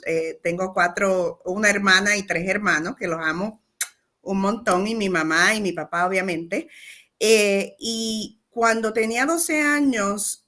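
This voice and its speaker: A woman's voice: medium pitch, a bit bright. Businesswoman talking as a guest. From Puerto Rico. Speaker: guest, real estate businesswoman. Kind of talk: casual interview talk.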